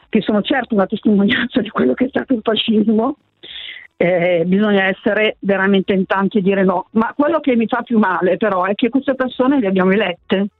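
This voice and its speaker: A woman's voice: mid-range voice, dry recording. A woman in her sixties calling in to a radio show on speakerphone, talking earnestly and searching for her words. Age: 60s. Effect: on speakerphone over a phone line. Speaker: radio caller. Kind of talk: call-in chat. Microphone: phone on speakerphone. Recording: tinny phone line.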